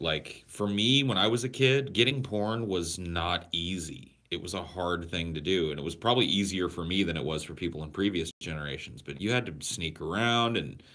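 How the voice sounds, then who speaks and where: This young livestream host speaks in a low-sitting voice with a sharp tone. Filming on a portable camera or a phone he carries around, he rambles crudely and answers his viewers' questions out loud.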